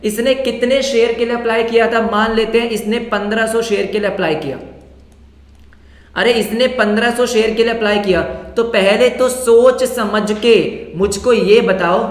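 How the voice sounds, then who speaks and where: A man teaching an accounts class live. He repeats phrases often and keeps urging students to answer quickly. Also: sits high, steady tone. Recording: echoey hall.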